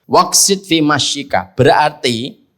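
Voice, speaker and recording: A male preacher delivering a sermon in a fairly high voice. He talks with lively, swooping intonation and leaps upward to stress a point. He often slips into quick impressions of the people in his anecdotes. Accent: Indonesian. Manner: animated, jumps high for emphasis, mimics voices in stories. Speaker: Islamic preacher.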